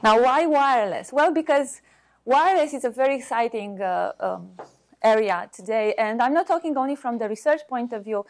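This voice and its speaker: A university researcher with a Romanian accent gives an unscripted academic seminar talk, pausing haltingly as she hunts for words. Her voice is on the high side.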